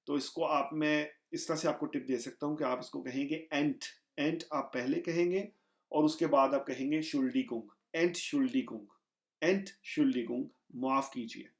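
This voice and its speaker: A man teaching a beginner German lesson, repeating each phrase slowly and deliberately. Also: a little high, fairly even intonation. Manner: slow, deliberate repetition of phrases.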